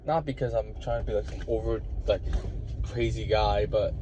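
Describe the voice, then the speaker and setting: A man's voice: lowish voice, fairly even intonation, moderate pace. A tired young man, a college wrestler, rambling casually to the camera with lots of fillers and restarts. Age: young adult. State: tired from little sleep. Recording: dull lo-fi audio with loud outdoor noise.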